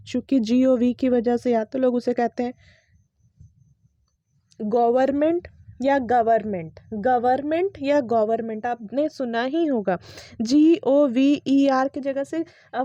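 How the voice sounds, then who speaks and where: High-voiced Indian woman teaching pronunciation. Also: warm tone, no room sound, lo-fi sound. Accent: Indian English. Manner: patient, repeats words slowly and mixes Hindi with English. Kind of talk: spoken English lesson.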